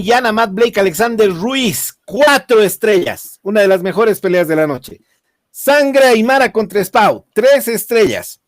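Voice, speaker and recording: A man with a Bolivian accent hosting a casual wrestling commentary, reviewing matches in a jokey, halting way. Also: high-pitched, no room sound, studio quality. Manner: animated, jokey, swearing, halting repetitions. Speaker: wrestling show host.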